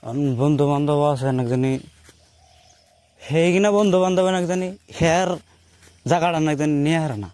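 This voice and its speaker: This young man's voice sits on the high side and is a little mellow, moving briskly but broken by long pauses. Speaking rural Assam Bengali, he casually rambles through stories about his own life, repeatedly circling back to rephrase himself.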